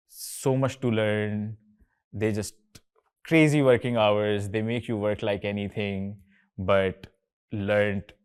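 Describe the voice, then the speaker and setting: A man's voice: on the low side, smooth. A man in his thirties from Karachi with a Pakistani accent, hosting a casual, chatty talk with students and often slipping between English and Urdu. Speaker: host, company co-founder.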